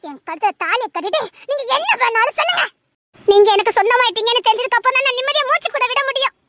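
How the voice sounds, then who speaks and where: A woman's voice: very high voice, lively intonation, rapid-fire, background noise. A woman voicing a desperate young woman who tearfully and insistently begs her lover to marry her, in an audio drama. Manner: pleading, tearful, insistent repetition.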